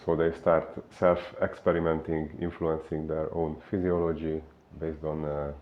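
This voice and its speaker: A man from Hungary with a Hungarian accent, a fitness coach giving an unhurried explainer talk full of filler pauses. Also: a bass voice, little pitch movement, lo-fi sound.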